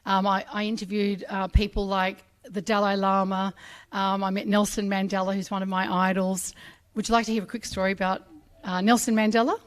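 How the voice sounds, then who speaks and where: At a public ceremony, a middle-aged Australian woman whose first language was Arabic speaks at a medium pitch in a level, brisk, clean tone. Her personal speech is chatty and emotional, and she performs the voices of people in her anecdotes.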